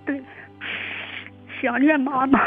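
A woman's voice: high-pitched, steady tone, slow, faint music behind. A woman, calling in by phone and telling a heartfelt, tearful story. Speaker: caller. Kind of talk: emotional phone-in conversation. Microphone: telephone. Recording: tinny phone line.

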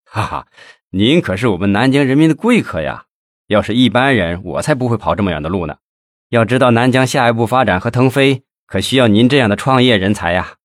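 A man voicing a glib, boastful middle-aged businessman who talks in a hearty, flattering way. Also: medium pitch, brisk, no echo, clean studio sound, lightly acted. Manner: hearty, smooth-talking, flattering.

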